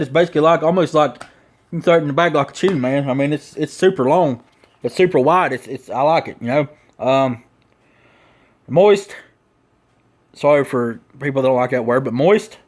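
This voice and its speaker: There's a packed lower lip of dip in this Southern man's mouth as he rambles through a relaxed product review. His drawl comes in a slightly high register, and the talk is homespun and thick with slang.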